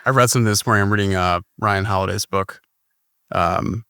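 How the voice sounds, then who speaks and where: Man, podcast host, low voice, gravelly fry, dry close mic. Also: fairly even intonation, brisk, pushed and bright, no room sound. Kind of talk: casual interview chat.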